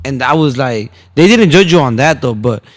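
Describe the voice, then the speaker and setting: A man in his twenties hosts a podcast, chatting casually and informally in an interview style and tossing out slangy questions. His medium-pitched voice is expressive and moderately paced, captured in a dry, studio-quality recording.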